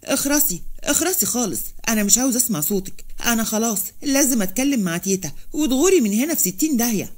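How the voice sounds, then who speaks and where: A woman's voice: on the high side, lively intonation, fast. A woman voicing a hurt, angry seventeen-year-old boy with an Egyptian accent. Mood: furious. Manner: shouting insults, hurt.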